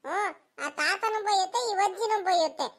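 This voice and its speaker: A voice actor playing a whiny village schoolboy in an animated cartoon, complaining in rural speech. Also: very high voice, brisk. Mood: whining.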